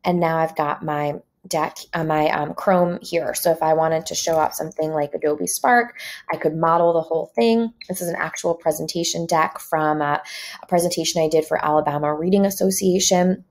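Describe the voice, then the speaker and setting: A woman with a Long Island accent walking through a software tip step by step, in a brisk, upbeat screen-recorded tutorial. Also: low voice, steady tone. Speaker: ed tech presenter. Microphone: computer mic, screen recording.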